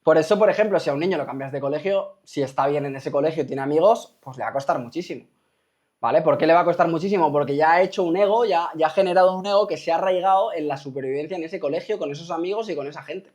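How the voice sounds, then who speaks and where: A man's voice: fairly high pitch, fast, a little mellow. A man gives a casual spoken talk to his viewers, checking in often with rhetorical questions. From Spain. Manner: rhetorical, keeps asking "¿me explico?". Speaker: host.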